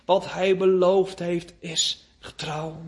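A man delivers a fervent, pleading sermon in a noticeably high voice. He speaks slowly, stretching single words and leaving long pauses between them. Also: little pitch movement. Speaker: preacher.

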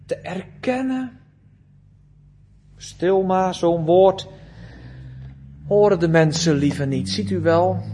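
A preacher with a notably high voice works through his sermon at a slow, deliberate pace. He presses hard on key phrases, then lets his voice sink low and soft. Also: slight background noise. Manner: earnest preaching, rising to loud emphasis then dropping low.

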